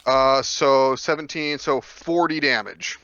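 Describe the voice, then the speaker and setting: A man's voice: medium pitch, takes it slowly, pushed and bright, smooth, dry recording, highs cut off. A man playing a tabletop game, eagerly explaining the rules in casual chat.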